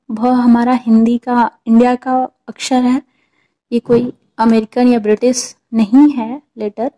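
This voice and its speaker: This teacher's voice is mellow and sits on the high side. She takes viewers patiently through English pronunciation, repeating key points and making sure they're following.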